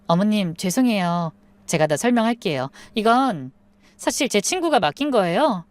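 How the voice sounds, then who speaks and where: A woman's voice: sing-song, normal speed, no echo, natural voice. A woman voicing a young daughter-in-law who pleads and sobs defensively. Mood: pleading. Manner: pleading, rising to shrill sobbing.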